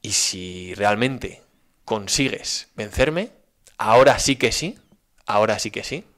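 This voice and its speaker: A man's voice: fairly low pitch, lively intonation, slow, fairly bright tone. A man with a Spanish accent playing a stubborn, defiant barbarian king who talks boastfully. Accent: Spain.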